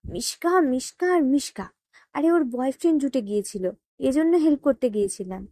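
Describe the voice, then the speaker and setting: Lady reading angry jealous young guy yelling, mellow voice, dry sound. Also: on the high side, moderate pace, no room sound, close to an everyday voice. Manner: angry, shouting, clenched teeth. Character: hot-tempered young man, jealous lover.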